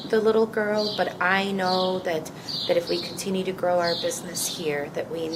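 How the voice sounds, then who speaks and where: Against a noisy background, a woman with a fairly low pitch, in her fifties and originally from Turkey, answers questions about the coffee company she co-founded. She is earnest and reflective, often starting her sentences again.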